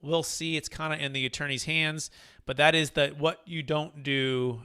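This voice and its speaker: A man in his thirties hosting a weekly webinar, telling a deal story in a casual, animated way and acting out the dialogue. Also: a little high, normal speed, clean tone. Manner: animated, acts out quoted dialogue, many restarts. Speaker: host of a weekly tax deferral mastermind.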